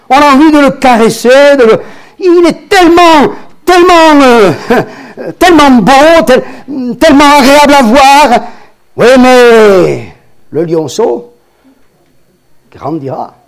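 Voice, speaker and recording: A man preaching a sermon, swinging from loud exclamations to hushed low warnings. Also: expressive, takes it slowly, pauses often.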